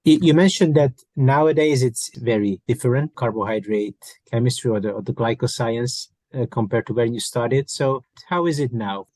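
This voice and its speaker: A man's voice: medium pitch, normal speed, hardly any pauses, darkish tone, dry recording. A man from Hungary hosts a podcast, asking questions in a mid-range voice. He often repeats a word as he starts a sentence, and his recording is dry and close. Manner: repeats words as he asks questions. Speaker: podcast host. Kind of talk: podcast interview.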